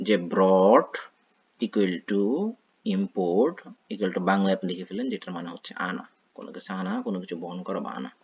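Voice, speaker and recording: Teacher, male, husky and a bit muffled; coaxing, brisk exam-prep delivery. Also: deep voice, fairly even intonation, a little mellow. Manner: brisk and coaxing, mixes English words into Bengali, reads English aloud slowly. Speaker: English test teacher. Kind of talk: online class lesson. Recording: dull lo-fi sound.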